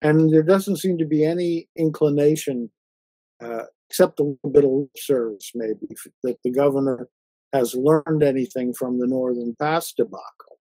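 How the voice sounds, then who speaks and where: Mellow-voiced male interview host. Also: fairly high pitch, fairly even intonation, no echo, rough recording. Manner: halting, many fillers and restarts. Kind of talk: conversational interview.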